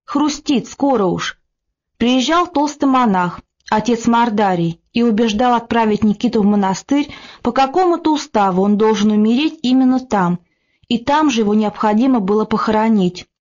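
A woman narrating an audiobook of classic prose in a steady, measured reading. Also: a little high, muffled recording. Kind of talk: scripted narration.

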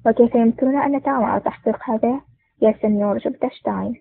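Brief: woman voicing a cold mafia don, breathy, quick delivery, phone-like sound. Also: on the high side, dry recording. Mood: calm. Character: stern cold male mafia boss. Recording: tinny phone-like dry recording.

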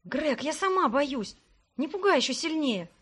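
A woman's voice: sits high, big pitch swings, a little slow, fairly bright tone, voice pushed up, full character voice. A woman voicing a daring young female racer who talks lightly and bravely in an audiobook. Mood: tense.

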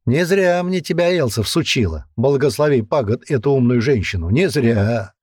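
A man's voice: medium pitch, lively intonation, moderate pace, darkish tone, slightly rough, no echo, pitched above the performer's own voice. A man voicing a burly, coarse male commander who barks his orders. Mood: commanding. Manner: barking, boisterous.

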